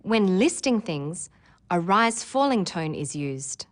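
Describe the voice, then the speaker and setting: A woman presenting an English exam preparation lesson in clear, careful scripted narration. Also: lowish voice, very animated, takes it slowly, noisy background. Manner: clear, careful delivery with demonstrated intonation.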